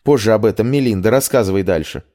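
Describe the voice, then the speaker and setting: A man's voice: on the low side, fast, dark tone, voice pushed up, close to an everyday voice. A man voicing a proud, upset young noble heroine in an audiobook, speaking in emotional, pleading questions.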